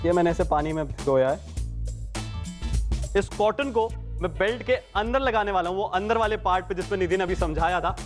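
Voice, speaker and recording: A male infomercial presenter with a strikingly high voice. He explains and urges like a TV salesman, over light background music. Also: brisk. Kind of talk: infomercial sales pitch and product demonstration.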